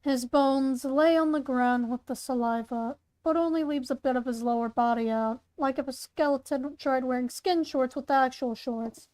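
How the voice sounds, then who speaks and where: A woman's voice: sits high, normal speed, few pauses, darkish tone. A young woman casually reading her own story aloud, rambling and correcting herself as she goes. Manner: rambling, self-correcting, chatty. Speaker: storyteller and content creator.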